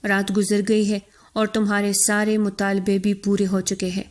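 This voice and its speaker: A woman's voice: monotone, darkish tone, lightly acted. A woman voicing a proud, angry young man who speaks with cold contempt in a storybook reading. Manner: cold, contemptuous, growling low.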